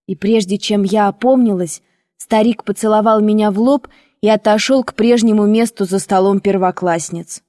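A woman narrating a first-person audiobook in a measured, expressive storytelling manner. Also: medium pitch, no room sound, clean studio sound, long reverb tail.

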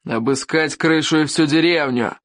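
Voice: medium pitch, normal speed, no room sound, natural voice. A hot-tempered Viking chief who bellows, rants and roars at anyone who crosses him, as an audiobook reader puts him on. The voice sits dry and close to the mic, with nothing of the room around it. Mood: bellowing. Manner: shouting, bellowing, ranting. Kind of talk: audiobook character voice.

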